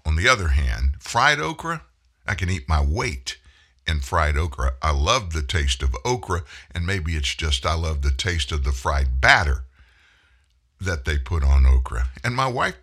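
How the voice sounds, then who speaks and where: A middle-aged man from Houston, Texas hosts a radio talk show from a broadcast studio, delivering a casual monologue in a folksy storytelling style. His low voice is bright, forceful and slightly rough, with lively intonation and a slightly slow pace, picked up by a studio microphone.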